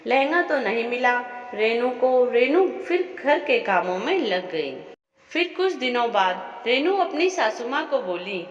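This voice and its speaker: A woman narrating a scripted family story as the storyteller, with measured, expressive delivery. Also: a little high. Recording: echoey, dull lo-fi room.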